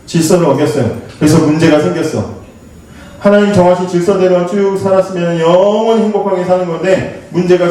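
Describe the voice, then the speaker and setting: High-voiced pastor echoing through a hall. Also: male voice. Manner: lively and conversational, asks the teens questions and acts out quoted lines. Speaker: pastor preaching to teens. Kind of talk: youth sermon. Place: church sanctuary. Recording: very echoey hall, voice from far off the mic.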